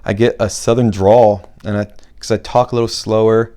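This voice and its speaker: Slow-talking, mellow-voiced man hosting a podcast. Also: lowish voice, steady tone. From Buffalo, New York. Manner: talks slowly on purpose, rambling with restarts. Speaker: podcast host and comedian. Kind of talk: casual solo podcast monologue.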